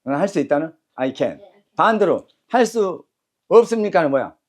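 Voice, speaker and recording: Brisk, commanding male English teacher. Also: sits high, animated. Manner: brisk and commanding, barks cues and repeats phrases. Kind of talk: classroom lecture with call-and-repeat drills.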